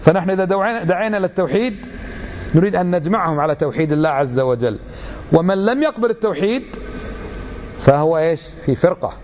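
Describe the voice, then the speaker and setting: A man's voice: high voice, animated, fast, darkish tone, lo-fi sound, slight background noise. A middle-aged man giving an emphatic religious lecture, full of rhetorical questions.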